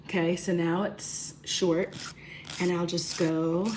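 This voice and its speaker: A beauty livestream host with a hoarse, raspy, fairly low voice that sounds like it's giving out chats casually through a nail tutorial. She greets viewers by name mid-task, and a faint hiss of noise runs underneath.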